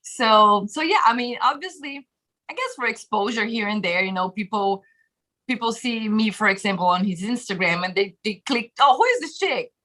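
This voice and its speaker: A Brazilian woman whose first language is Portuguese chats animatedly as a guest musician in a casual interview, laughing often and using many fillers. Her voice is bright and fairly high, at normal speed. She is indoors in a bedroom home studio, on a webcam video call.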